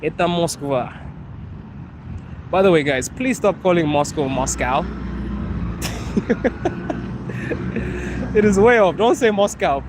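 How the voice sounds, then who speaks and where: A man's voice: high voice, lively intonation, takes it slowly, pauses often. A Zimbabwean man in his twenties or thirties, chatting casually on a livestream while walking outdoors, laughing often and slipping into freestyle rap. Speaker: livestreaming vlogger. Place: outdoors on a city street. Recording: street noise behind the voice. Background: traffic and street noise.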